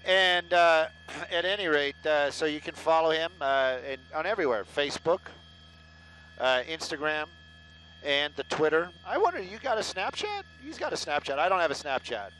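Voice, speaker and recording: A middle-aged man reports traffic from a helicopter, talking into a headset in a slightly high voice. He rambles in a loose, joking way, sarcastic and self-deprecating. A faint engine hum sits behind him. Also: expressive, normal speed, fairly bright tone, low-quality recording. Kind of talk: live casual on-air chatter. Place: inside a helicopter in flight.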